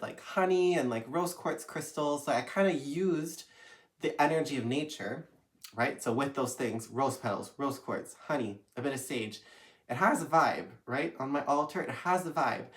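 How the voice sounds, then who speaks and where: A man with a stuffy, cold-clogged voice, talking casually to camera from a guest room and tossing in frequent "right?" questions. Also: mid-range voice. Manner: chatty, frequent "right?" and "you know" tag questions. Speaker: vlogger. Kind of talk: casual direct-to-camera chat. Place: his mother's guest room, indoors.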